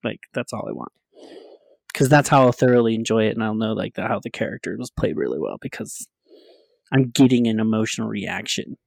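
A man's voice: on the low side, brisk, creaky, darkish tone, no echo. A man co-hosting a casual fan podcast, talking emphatically and repeating his points. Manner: emphatic, repeats himself, laughs often. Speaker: podcast co-host. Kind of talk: casual chat.

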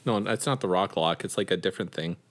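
A man's voice: low voice, fast talker. A man co-hosting a podcast, chatting casually about music in a rambling, laid-back way. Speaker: podcast co-host. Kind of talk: casual chat. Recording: loud music behind. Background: music playing.

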